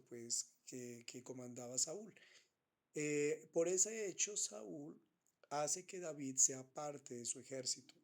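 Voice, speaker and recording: A man giving an unscripted Bible teaching, pausing often with fillers and restarting his phrases. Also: medium pitch, darkish tone. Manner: hesitant, many fillers and restarts.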